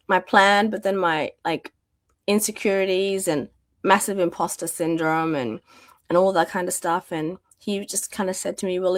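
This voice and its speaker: This woman's voice is on the low side, with no echo. In her thirties and working as a domestic violence practitioner, she's a guest sharing her story in conversational interview style, filler-heavy, while losing her voice.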